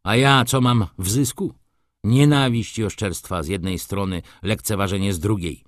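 A man's voice: on the low side, moderate pace, no echo, studio quality, close to an everyday voice. A man reading an audiobook, voicing a bitter, proud middle-aged male merchant who speaks indignantly and with emphasis.

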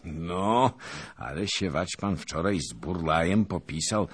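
A man's voice: sits low, slow, breathy edge, voice pushed up, heavily acted. A man doing a cheerful little knight. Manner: cheerful, lively. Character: small cheerful young knight.

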